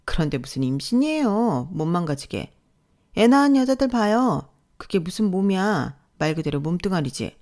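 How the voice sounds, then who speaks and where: A woman's voice: lowish voice, big pitch swings, normal speed, darkish tone. A woman putting on a snippy, vain young wife. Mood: scornful. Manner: snippy and scornful. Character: vain, sharp-tongued young married woman. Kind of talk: storytelling role-play.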